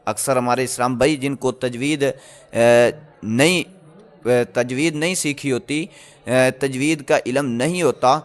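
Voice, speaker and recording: Man slowly teaching letter pronunciation. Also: medium pitch, steady tone. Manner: explains slowly with many pauses and fillers, sounds out letters repeatedly. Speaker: Quran recitation teacher. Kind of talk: recorded tajweed lecture.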